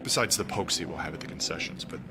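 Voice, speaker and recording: A man's voice: low voice, very fast, very noisy, natural voice. An actor playing a chatty young man rambling casually. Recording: loud outdoor ambience behind.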